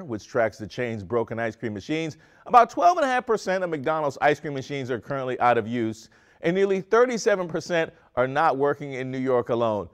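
A man in his thirties hosting a comedic news segment, with playful, wisecracking asides. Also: on the high side. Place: studio set with brick backdrop.

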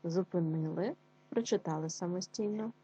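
A woman teacher leading an online reading lesson for young children, speaking clearly and repeating phrases for them to follow. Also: on the low side, dark tone, muffled recording. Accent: Ukrainian. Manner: clear, slow syllable-by-syllable dictation for children. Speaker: primary school teacher.

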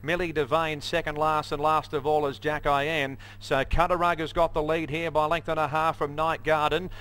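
A man's voice: fairly high pitch, little pitch movement, moderate pace, fairly bright tone, clear, resonant tone. A man with an Australian accent calling a horse race live, in a running commentary that lists runners and margins.

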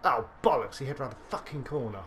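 A young man commentating on his own gameplay, excitable, talking to himself and swearing freely as he plays. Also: medium pitch, fast, slight background noise. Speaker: gaming video host.

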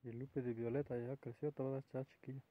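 Man, Mexican Spanish accent, chatty teasing questions, mid pitch, tinny phone-like audio. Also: flat delivery, brisk, no room sound. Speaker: interviewer behind the camera. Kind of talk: casual chat.

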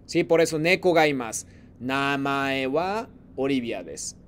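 A man's voice: mid-range voice, lively intonation, unhurried, slight background noise. A man teaching a Japanese class in Spanish, patiently calling on students by name and mixing Japanese phrases into his explanations. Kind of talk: online class lesson.

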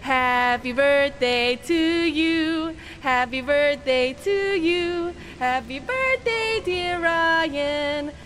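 A woman singing slowly as a godlike serenader, in a vast cosmic voice soaked in reverb, over game voice chat. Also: sits high, a bit bright, faint music behind, heavily acted. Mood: grand, celebratory. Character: godlike singer serenading with a birthday song. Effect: heavy reverb, vast echoing godlike sound. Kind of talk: slow singing.

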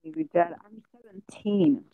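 A woman's voice: on the low side, measured pace, dry recording, phone-quality sound, close to an everyday voice. A woman playing an embarrassed but patient seventeen-year-old son in an amateur roleplay. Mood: exasperated.

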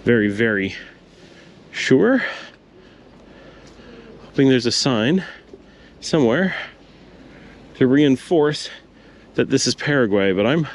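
A man narrates his stroll through city streets in a loose, chatty vlog style, calling out the shops he passes. His voice swings widely up and down in pitch. Faint traffic and street hum sit behind him outdoors. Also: lively intonation, takes it slowly, long pauses. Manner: chatty, pointing things out as he walks. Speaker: vlogger. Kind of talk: casual walking-tour commentary.

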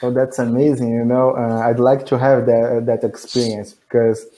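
A man's voice: medium pitch, flat delivery, moderate pace, warm tone, slight background noise, poor audio. A Brazilian man in his twenties with a Brazilian Portuguese accent, chatting in careful learner's English over a video call headset. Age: 20s. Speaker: English student. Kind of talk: casual video call chat. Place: indoor room, green backdrop.

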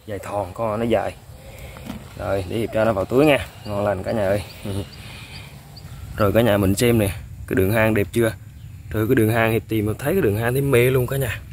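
A fishing vlogger on a riverbank gives casual outdoor commentary to viewers, excitable, exclaiming often and chuckling. His voice is fairly low and quick, with long pauses and slight background noise.

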